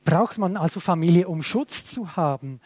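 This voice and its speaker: A man's voice: high-pitched, expressive, moderate pace, darkish tone, no echo. A man preaching a sermon to a small church, conversational and full of questions. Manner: conversational, asks many questions. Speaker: pastor.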